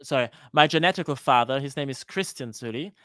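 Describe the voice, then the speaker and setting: A man's voice: mid-range voice, a little fast, a bit bright, dry recording, studio quality. A man in his thirties from Denmark, a guest on a live-streamed interview, talking hesitantly with many restarts. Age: 30s.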